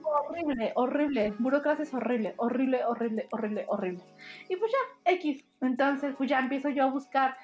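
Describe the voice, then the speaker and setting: A woman's voice: high voice, lively intonation, moderate pace, dull audio, faint music behind. A young woman in her twenties with a Mexico City accent, telling a story in casual, slangy chat and acting out the quotes.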